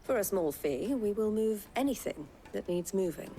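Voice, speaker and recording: A woman's voice: medium pitch, animated, normal speed, warm tone, a little hiss or hum, natural voice. A woman playing a shrewd, formal caravan leader in a video game, courteous with a saleswoman's polish. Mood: smug, businesslike. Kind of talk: video game drama acting.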